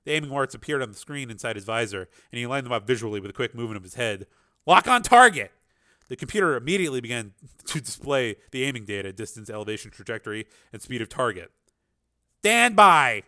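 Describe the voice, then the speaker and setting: A man's voice: mid-range voice, rapid-fire, few pauses, a bit bright. A man reading an action novel aloud as a dramatic, intense narrator. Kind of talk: dramatic audiobook-style narration.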